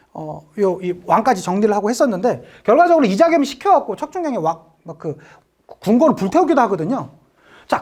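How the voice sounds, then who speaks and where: A woman teaching an exam-prep history lecture, chatty and joking, often acting out little quotes. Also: sits high.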